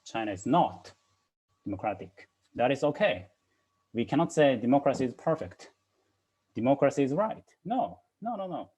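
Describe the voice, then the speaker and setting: A man gives a lecture in English, his voice dark and a little husky. He keeps returning to "you know" while stressing his main points. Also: mid-range voice, big pitch swings, moderate pace, dull audio. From Japan. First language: Japanese. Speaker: guest speaker, China scholar. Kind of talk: lecture-style talk.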